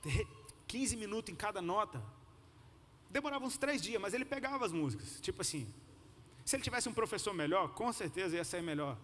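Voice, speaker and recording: A Brazilian male preacher with a bright, forceful high voice delivers an informal, slangy sermon in Brazilian Portuguese, expressive and a little fast. He shares personal anecdotes and has the congregation repeat phrases, speaking in a large hall whose echo and noticeable background noise fill the recording.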